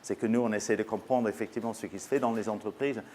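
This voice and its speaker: A man's voice: lowish voice, fairly even intonation, quick pace, darkish tone, a little hiss or hum. A man with an English accent, a native English speaker, giving a conference talk in French as a business school professor, hesitant with many fillers and restarts. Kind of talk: conference presentation.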